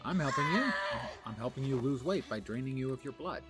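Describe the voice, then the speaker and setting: A man's voice: medium pitch, lively intonation, brisk, over loud music. A man giving casual game commentary, musing aloud in a wry, playful way. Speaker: gaming host.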